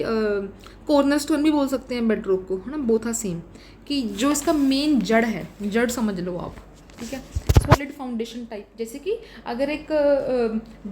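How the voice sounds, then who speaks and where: A woman's voice: a little high, darkish tone, a little hiss or hum. A young adult woman with an Indian English accent teaching exam vocabulary in a casual lesson, explaining each word with examples and checking in with the listener. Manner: explains vocabulary with examples, frequent "ठीक है" fillers.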